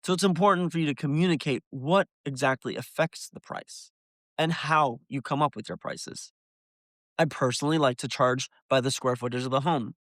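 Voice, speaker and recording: Speaking at a normal pace in a mid-range, slightly bright voice, a window cleaner guides viewers through a business tutorial step by step. The recording is dry, and he addresses the audience directly.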